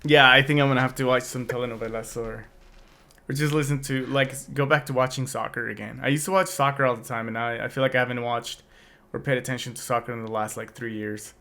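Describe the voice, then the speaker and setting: This podcast co-host is a young man who talks fast, with a mid-range voice, fairly even intonation, and a sharp edge. His casual, reflective conversation is full of restarts.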